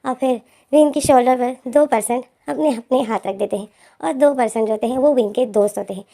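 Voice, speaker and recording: A woman narrates a fan fiction story in a plain, explanatory way. Her voice sits a little high for a woman. The tone is soft and mellow rather than bright. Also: brisk, gravelly.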